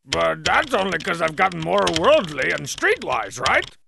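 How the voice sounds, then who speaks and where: A man voicing a brash, boastful masked male wrestler in a cartoon, gruff and gravelly, swaggering and sarcastic. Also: a little high, sing-song, a little slow, noisy background, heavily acted. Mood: cocky. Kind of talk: cartoon email-answering monologue.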